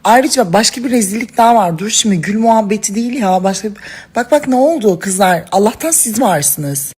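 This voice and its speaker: A woman's voice: mid-range voice, lively intonation, a little fast, darkish tone, breathy edge. A woman talking to her followers in casual phone story clips, dramatic and gushing, calling them princesses and girls. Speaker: social media personality.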